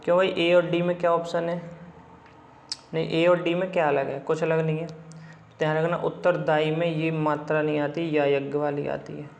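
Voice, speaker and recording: A Hindi exam tutor works through a book's spelling questions, repeating each word again and again and tossing in casual asides. His voice is on the high side and gravelly, with a level tone and normal speed, and the recording is lo-fi and roomy.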